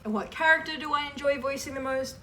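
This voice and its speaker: Fast, bright and forceful, this twenty-something woman's voice sits high as she rambles through fan questions. She works as an online voice performer and keeps interrupting herself in the casual chat. A distant mic picks up clear background noise.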